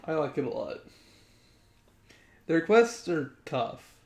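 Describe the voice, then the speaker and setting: A young male gaming streamer, a bit sneezy today, chats with viewers during live gameplay commentary, reading chat aloud and rambling with self-corrections. His voice sits on the high side, slow, sing-song and gravelly.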